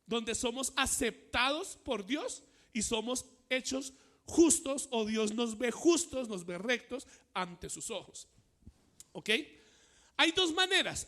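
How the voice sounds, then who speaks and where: A man preaching a sermon, repeating phrases, pausing on fillers and asking the congregation "cierto?". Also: high-pitched, sharp tone. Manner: many fillers, repeats phrases, asks the church questions.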